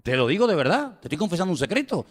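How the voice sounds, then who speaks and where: A man preaching a sermon with a Spanish accent from Spain. His voice sits a little on the high side and trails a long echo through the church hall. He leans hard on repetition and keeps asking his listeners rhetorical questions. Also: big pitch swings, very fast. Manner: emphatic, repeats phrases, asks the congregation rhetorical questions. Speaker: pastor.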